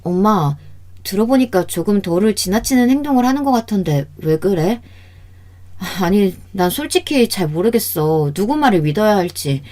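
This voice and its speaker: A woman's voice: mid-range voice, lively intonation, moderate pace, a little mellow, natural voice. A woman reading a worried adult daughter. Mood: concerned.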